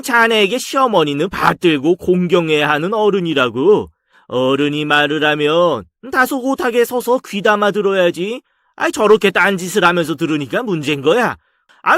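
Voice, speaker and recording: A man's voice: fairly high pitch, a bit bright, dry recording, studio quality. A man voicing a pompous older male customer who lectures a young daughter-in-law about respecting elders. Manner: lecturing, condescending, slow. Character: pompous preachy older male restaurant regular. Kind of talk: dramatized story reading.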